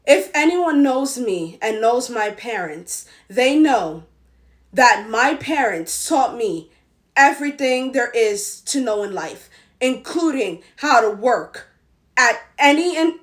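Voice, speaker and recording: A young woman and former tutor in a vlog rant, indignant and emphatic as she lays out her complaint. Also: sits high. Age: young adult.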